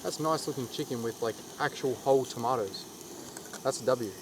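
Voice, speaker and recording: A man's voice: medium pitch, moderate pace, slight background noise. A British man chatting casually outdoors, laid-back and full of matey slang. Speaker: camping vlogger's companion. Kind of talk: casual chat. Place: outdoors at a campsite.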